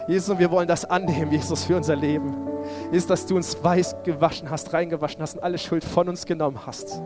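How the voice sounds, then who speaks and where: A man's voice: a little high, steady tone, fast talker, music in the background. A man preaching a sermon and then leading a fervent spoken prayer, often repeating short calls to Jesus.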